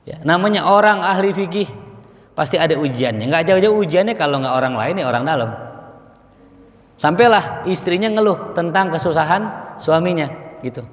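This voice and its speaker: A man's voice: on the high side, animated, moderate pace, echoey room, big-room sound. A man preaching in a mosque, talking in a conversational way, asking his listeners questions and telling stories. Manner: conversational, asks the audience questions, storytelling. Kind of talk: mosque study sermon.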